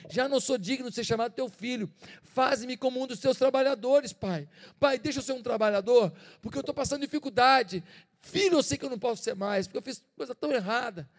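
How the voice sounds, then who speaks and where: A man's voice: extremely high pitch, brisk, voice pushed up. A man voicing a remorseful young son begging his father for forgiveness, in a pleading, broken way. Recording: reverberant church hall.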